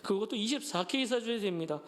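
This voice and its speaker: A young man preaching a sermon in a church, telling stories with acted-out quotes and gentle humor. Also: sits high, expressive, a little fast. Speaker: pastor. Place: church sanctuary.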